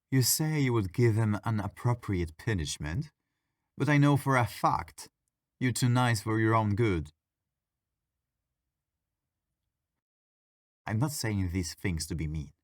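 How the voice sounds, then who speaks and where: In an intimate ASMR roleplay, a man voices a friendly, bored, mischievous ghost, speaking playfully and wryly with a gently argumentative edge. His pitch is fairly low, the mood gently sincere, and the recording dry and studio quality.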